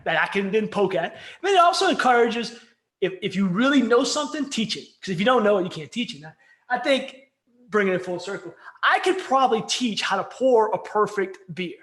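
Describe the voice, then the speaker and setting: A very animated co-host with a high, slightly bright voice talks fairly quickly on a podcast recorded over beers. The banter rambles and jokes around, repeatedly interrupting itself. The space sounds echoey.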